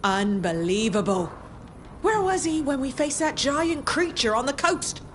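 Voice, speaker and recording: A woman's voice: sits high, expressive, a little slow, slight background noise. An actress playing a proud, defiant young female sea captain in a video game, indignant and headstrong. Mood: indignant, bitter. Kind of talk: video game dialogue acting.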